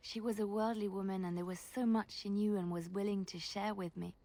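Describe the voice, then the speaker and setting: An actress playing a gentle, romantic young woman companion in a video game, speaking in a reflective, poetic way. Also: mid-range voice, steady tone, brisk, natural voice. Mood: nostalgic. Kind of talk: video game dialogue acting.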